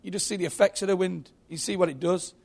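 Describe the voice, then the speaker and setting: A man's voice: high voice, fast, vocal fry, darkish tone, voice pushed up. A man voicing an eager, earnest young boy.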